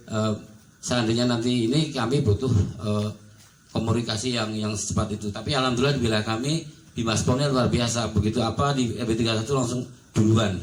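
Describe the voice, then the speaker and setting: Rambling man at a community meeting. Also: mid-range voice. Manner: rambling, many fillers, addresses officials as Pak. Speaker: neighborhood association head. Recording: echoey room with faint background noise.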